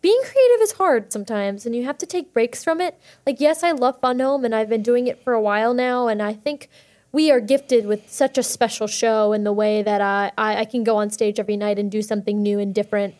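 A young woman chatting as a podcast guest, bubbly and quick, with many fillers and restarts. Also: a little high, darkish tone. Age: young adult. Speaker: guest actor. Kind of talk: casual podcast chat.

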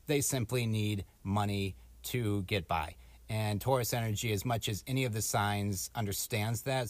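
A man's voice: lowish voice, no room sound. Casual, rambling man podcasting, dry close sound. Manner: rambling, informal, musing. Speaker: podcast co-host giving astrology forecasts. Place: small closet at home, door slightly open.

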